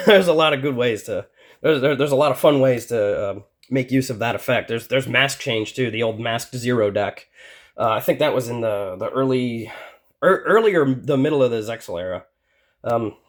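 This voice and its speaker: A man hosting his own channel, walking through a card deck in a casual, rambling way, with lots of fillers and little chuckles. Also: mid-range voice. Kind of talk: casual deck profile talk.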